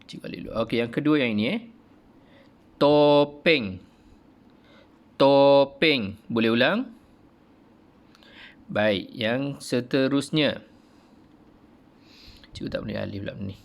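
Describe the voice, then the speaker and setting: A male primary school teacher with a Malaysian Malay accent, giving an online lesson and saying each word slowly and clearly for pupils to repeat. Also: mid-range voice, expressive, lo-fi sound. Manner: repeats words slowly and loudly for pupils to copy.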